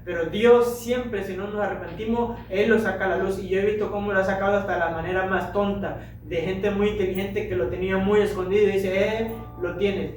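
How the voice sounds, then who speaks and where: A man's voice: high-pitched, slight background noise. A man preaching a sermon, addressing his listeners directly with rhetorical questions. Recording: echoey hall from far off.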